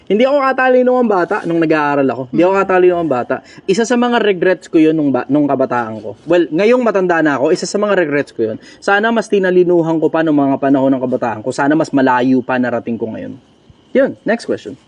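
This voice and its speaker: A man's voice: fairly high pitch, lively intonation, fast, no room sound, highs cut off. A middle-aged Filipino man hosting a casual question-and-answer talk, blunt and profane, repeating lines for emphasis. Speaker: host answering viewer questions.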